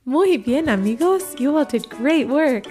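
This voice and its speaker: Casting: encouraging woman teacher on a kids' show, slightly high voice, soft music under her. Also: animated. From Ecuador. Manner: warm, upbeat, encouraging, slow teacher-like delivery. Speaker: co-host and Spanish teacher. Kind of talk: children's language lesson.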